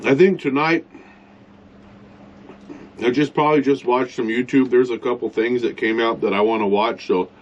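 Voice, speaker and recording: A man's voice: mid-range voice, fairly even intonation, moderate pace, pauses often, muffled recording, slight background noise. A man rambling bluntly in a casual vlog from inside his truck at a campsite, eating as he talks. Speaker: vlogger.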